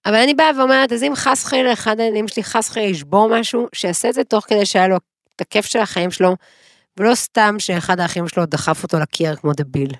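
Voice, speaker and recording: A woman's voice: medium pitch, dry recording, clean studio sound. A woman co-hosting a podcast, chatting casually with wry, teasing banter. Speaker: podcast co-host. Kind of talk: casual chat.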